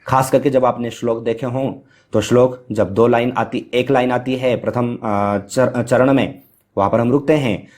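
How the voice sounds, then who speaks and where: A man's voice: medium pitch, steady tone, normal speed, a little mellow. Man teaching with rhetorical questions. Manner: explains with rhetorical questions and fillers; chants Sanskrit verse at varying speed. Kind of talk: Hindi grammar lecture.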